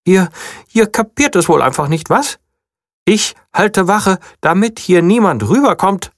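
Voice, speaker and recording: A storyteller voicing a small, earnest male bunny who guards a wall in a children's story, in a high, insistent voice. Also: very animated, unhurried, no room sound, clean studio sound. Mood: impatient.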